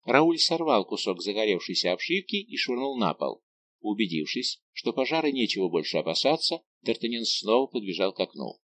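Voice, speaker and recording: A man's voice: on the low side, a little fast, slight background noise. A man narrating an adventure novel as an audiobook, telling it in a dramatic, vivid way. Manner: expressive, vivid storytelling.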